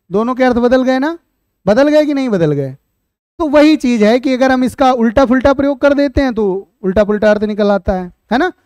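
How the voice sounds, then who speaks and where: Teaching Hindi online for exam preparation, a man explains material and asks students questions, echoing each question back after his explanation. His voice is very high and a little mellow, the recording dry, and he adds chatty asides in which he addresses viewers as "beta."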